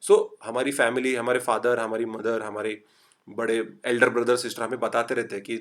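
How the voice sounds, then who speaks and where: His voice sits mid-range, a little bright, with a flat delivery, and he has a slight Marathi accent from Maharashtra. Teaching live online in a conversational way, he reads typed student answers, pushes for speed, and mixes English in.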